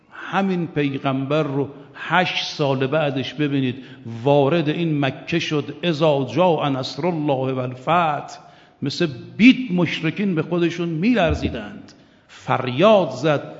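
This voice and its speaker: Older man, preacher, fairly high voice, impassioned sermon, rhetorical questions, long hall reverb, dull sound. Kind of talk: religious sermon.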